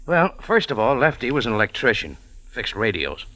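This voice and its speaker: Acting the first-person lead of a vintage 1940s-50s radio detective drama, a man plays a tough, wry cafe owner turned sleuth, speaking in a clipped, dry, hard-boiled manner with a cool, explaining mood. His mid-range voice is bright, forceful and exaggerated, with big pitch swings at a moderate pace. The recording is dry, with music behind.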